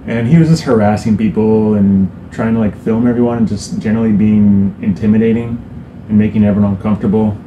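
A man's voice: on the low side, fairly even intonation, a little fast, muffled recording, slight background noise. Sarcastic man rambling in an echoey room. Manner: dry, self-mocking sarcastic humor; loose and rambling, many fillers. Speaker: musician giving a band update. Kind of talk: casual vlog update. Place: indoors on a hot day. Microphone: no lapel mic, camera mic.

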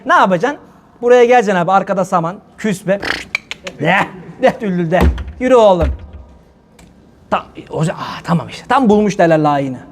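A male preacher with a high-pitched voice gives a loose, joking sermon. He talks in an animated, chatty way, laughing often and addressing the crowd like old friends. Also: moderate pace, long pauses, a little hiss or hum. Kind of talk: casual humorous sermon talk.

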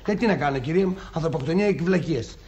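A hot-headed village husband who grumbles, mocks and shouts insults in a fairly high voice, played by a man. Faint background noise sits behind him. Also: lightly acted. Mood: grumbling. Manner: ranting, sarcastic, yelling insults.

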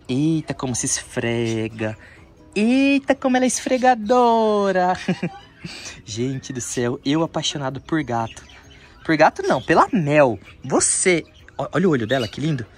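Guy showing off his birds outside, chatty, voice bounces all over, music playing under him. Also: sits high. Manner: chatty, coos at the birds in baby talk. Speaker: bird keeper and vlog host. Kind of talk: casual vlog tour of his aviaries. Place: outdoors among bird enclosures.

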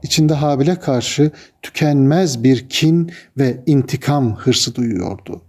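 Mellow-voiced man telling a solemn tale. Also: mid-range voice, slow pace. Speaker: storyteller. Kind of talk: narrating a religious tale.

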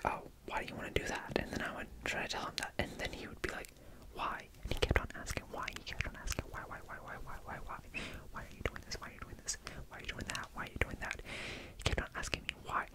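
A young adult man speaks entirely in a whisper, right up at a desktop microphone in a small room at home. It is a fast, rambling ASMR delivery, casual and unscripted. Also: poor audio. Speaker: ASMR creator. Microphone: desktop condenser microphone, close up.

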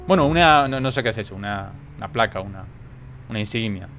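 A young man with a Spain Spanish accent giving excitable gameplay commentary, full of quick exclamations and swearing. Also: lowish voice, soft background music. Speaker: gaming YouTuber.

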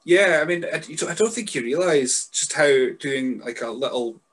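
A man's voice: on the high side, expressive, normal speed, fairly bright tone. Scottish host guy in his 30s, headset mic, talks loose and chatty, corrects himself a lot. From Scotland. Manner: chatty, rambling questions with self-corrections. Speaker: podcast host. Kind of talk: casual interview over video call. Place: room indoors.

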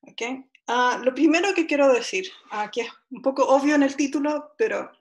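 Teaching physics online from her home, a young Chilean woman speaks in a high voice with lively intonation at a moderate pace. She chats freely, makes jokes at her own expense, and keeps restarting and using fillers. It's captured indoors on a laptop webcam during a video call.

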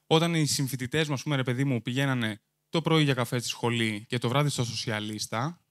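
A man's voice: medium pitch, fairly bright tone, no echo, clean studio sound. A young adult man from Greece doing stand-up, telling a long story to a live audience and bantering crudely with the crowd while holding a microphone. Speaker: stand-up comedian and host. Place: comedy stage before a live audience. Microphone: handheld microphone.

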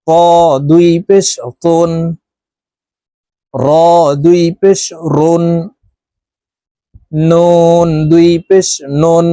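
A man teaching Quran letter pronunciation, reciting each letter and syllable slowly and clearly, with quick explanations in between. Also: a little high, mellow, no room sound. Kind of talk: slow recitation drill.

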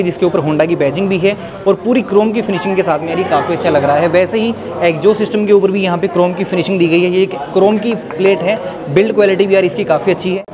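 A man with an Indian accent giving a chatty walkaround review of a motorcycle, casually dropping "yaar" as he goes. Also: sits high. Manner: chatty, peppers talk with "yaar". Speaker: motovlogger. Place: outdoors in a busy urban spot. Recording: noisy outdoor crowd background. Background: crowd and street bustle.

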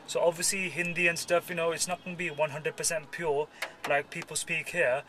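Young British male vlogger, forward bright tone, pitched a bit high, informal and chatty with plenty of slang. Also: flat delivery, brisk, slight background noise. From England. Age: young adult. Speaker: film actor, vlogger. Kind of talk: casual video diary. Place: dubbing studio rooms and inside a parked car. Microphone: handheld camera at arm's length.

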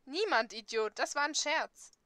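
A woman's voice: high-pitched, expressive, unhurried, pushed and bright, no echo, heavily acted. A woman voicing a shy, flustered schoolgirl heroine from a dating game, nervous and defensive.

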